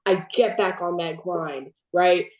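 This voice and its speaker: Animated teenage girl host, roomy sound. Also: on the low side, slow pace. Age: teens. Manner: animated, storytelling, laughs often. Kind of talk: casual chat.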